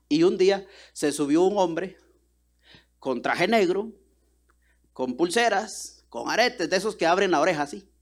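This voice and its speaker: Male preacher, high and animated, tells stories and voices every character. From Guatemala. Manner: animated, acts out dialogue with voices. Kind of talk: sermon with storytelling.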